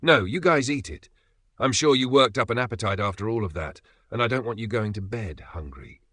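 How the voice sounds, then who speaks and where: A man voicing a frightened, protective middle-aged father who shouts stern warnings at his children. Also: lowish voice, expressive, brisk, no echo, studio quality. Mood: weary tender.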